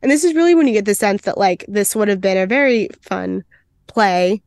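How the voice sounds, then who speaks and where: A woman's voice: mid-range voice, fairly quick, a little mellow, no room sound. Brief: woman podcast host, chatty recap, filler-heavy, close dry mic. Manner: chatty, many fillers, acts out quotes. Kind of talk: casual chat recapping a film.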